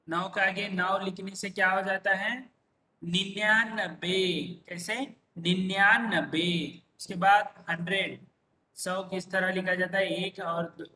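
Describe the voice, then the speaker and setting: Slow, bright-voiced man teaching numbers. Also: high-pitched, recorded from a distance. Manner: drawn-out repeated pronunciations, asks and answers himself. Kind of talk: slow classroom-style number lesson. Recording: echoey room, voice a bit off-mic.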